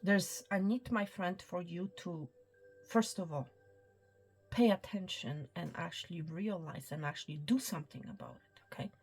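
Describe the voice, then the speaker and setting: Here a woman reads tarot-style to camera as a psychic, her lowish voice slightly rough and at a normal speed. Reassuring and soft, she checks in often, says "okay" and "my friend" repeatedly, and now and then falls to a whisper over gentle background music.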